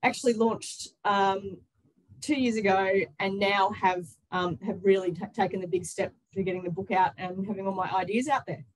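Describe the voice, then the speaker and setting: An excited, chatty woman with an Australian accent, telling personal stories casually as an interview guest. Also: medium pitch, normal speed, poor audio. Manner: excited, chatty, with quoted self-talk. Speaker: interview guest, author and workplace culture consultant.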